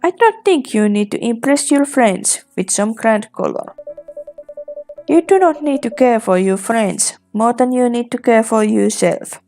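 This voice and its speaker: A woman voicing a calm, humble male shopkeeper who gives kind advice in a game. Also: on the high side, unhurried, soft background music. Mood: gentle. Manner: calm and gentle counsel. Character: humble kind young male color-shop keeper.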